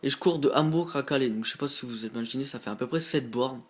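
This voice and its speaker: Teen boy from northern France, mid-pitched voice, rambling slangy vlog storyteller who talks straight to his viewers. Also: fast talker. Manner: slangy, rambling, keeps addressing viewers as guys. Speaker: vlogger.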